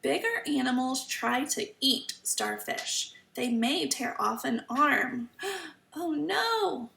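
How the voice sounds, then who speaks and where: A woman with a high voice reads a children's book in a slow, kids show host manner. She pauses to explain and put questions to young listeners. The recording is roomy and echoing. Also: creaky, sharp tone, slight background noise. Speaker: children's teacher reading a picture book aloud. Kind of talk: children's story time read-aloud lesson. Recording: roomy echo, slightly distant mic.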